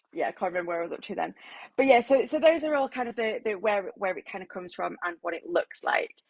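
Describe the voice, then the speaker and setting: Woman author, chatty coaching talk, slightly gravelly voice, dry close recording. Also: mid-range voice, no echo, low-quality recording. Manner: chatty, many fillers and restarts. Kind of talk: live online talk to a writing group.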